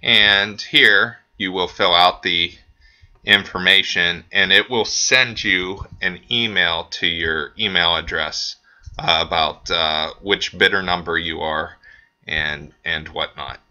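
A man from an auction house giving a casual screen-recorded walkthrough of the company's bidding website, relaxed and dotted with ums and uhs. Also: deep voice, takes it slowly, highs cut off.

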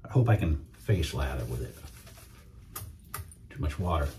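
A man's voice: a bass voice, very animated, normal speed, a little mellow, slight background noise. A middle-aged man chatting casually to viewers while shaving at home. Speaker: wet shaving YouTuber. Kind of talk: casual shaving demo chat. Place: home shave room, indoors.

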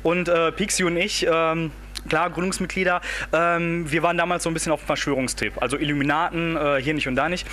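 A man in his thirties, a band's singer, telling stories in a relaxed, rambling way during a casual interview in a club's backstage room. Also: fairly high pitch, fairly quick, slight background noise. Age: 30s. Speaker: band singer. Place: backstage room of a music club. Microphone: handheld interview mic.

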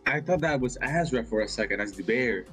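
A man bantering through a multiplayer game, his voice bouncing all over in pitch as he jokes and yelps. He talks in an excitable, playful way. Faint game music runs underneath. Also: fairly quick, rough recording. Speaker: gamer. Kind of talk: casual gaming chat.

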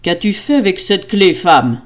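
Loud growling villain husband in a fairy-tale reading, voiced by a woman, slow, menacing threats. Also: sits high, very animated. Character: cruel menacing nobleman husband, murderous. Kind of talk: storybook reading.

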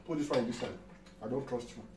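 A man's voice: medium pitch, fairly even intonation, fast talker, a little mellow. A man with a Nigerian accent co-hosting a casual mukbang, teasing in Pidgin-tinged speech as he eats. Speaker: co-host of an eating show. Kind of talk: casual mukbang eating chat. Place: kitchen or dining room indoors. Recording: roomy, distant mic, clear noise.

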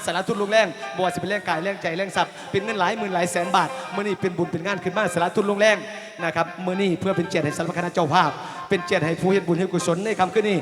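A high-pitched man with an Isan accent performs as a mor lam singer and emcee at a night merit-making event. He stretches out sung verses and switches to formal announcing. His voice rings through a stage microphone with a long reverb tail, and loud band music plays underneath. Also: steady tone, rapid-fire, hardly any pauses. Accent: Isan (northeastern Thai). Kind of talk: live mor lam singing and donor announcements.

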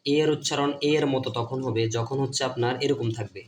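A man's voice: mid-range voice, fairly even intonation, slight background noise. A man teaching children's English reading in a casual online lesson, repeating letter sounds one by one. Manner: repeats sounds slowly, drilling pronunciations.

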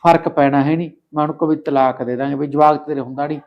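A man's voice: a little high, fairly even intonation, fast talker, muffled recording. A man acting in a short film, sweet-talking and coaxing in a casual village manner. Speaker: actor playing a married man courting another woman.

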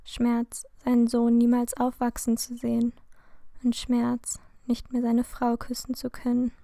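A woman reading a fan fiction story aloud in calm, slow scripted narration. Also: a little high, gravelly, dry recording.

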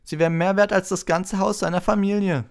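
A man voicing an arrogant, mocking schoolboy bully with a loud, cutting delivery in an audiobook reading. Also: high voice, fairly even intonation, fairly quick, voice pushed up. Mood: sneering.

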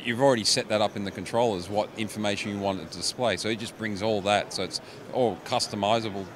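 A middle-aged man with a fairly low voice explains his company's products at a trade show booth, restarting his phrases often. He talks into a handheld mic, and the steady noise of a busy exhibition hall fills the background. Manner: explains products with frequent restarts and quick agreements. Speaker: company managing director. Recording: noisy trade show floor.

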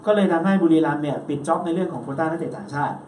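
A man hosting a football talk show, chatting casually and quickly, with lots of polite particles. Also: fairly high pitch, darkish tone, a little hiss or hum. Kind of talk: casual sports chat. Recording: roomy echo, distant mic, faint ambience.

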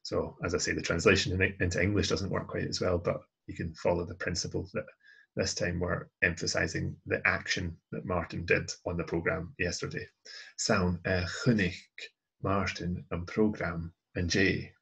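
A man explaining grammar step by step as a language tutor, patient and methodical, with frequent pauses and restarts. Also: sits low, flat delivery, gravelly, a bit bright, breathy edge. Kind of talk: explaining grammar over slides.

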